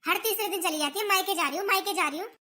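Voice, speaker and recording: A woman's voice: extremely high pitch, rapid-fire. A woman voicing a nagging, sarcastic mother-in-law in a cartoon. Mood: complaining. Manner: sharp, scolding, sarcastic. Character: nagging scolding middle-aged mother-in-law. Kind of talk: cartoon voice acting.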